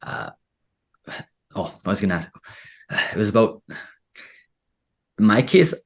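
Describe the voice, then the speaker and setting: A man's voice: on the low side, big pitch swings, a little slow, husky. A man talking as an interview guest, telling stories in a loose, rambling way and often stopping to lose and find his thread. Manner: rambling, self-interrupting storyteller. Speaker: guest, English teacher. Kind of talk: casual conversational interview.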